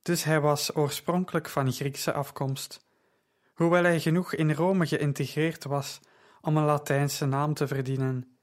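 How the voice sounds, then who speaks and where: A man narrating a story in a measured, even style. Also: on the high side. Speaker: audiobook narrator. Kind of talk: scripted narration.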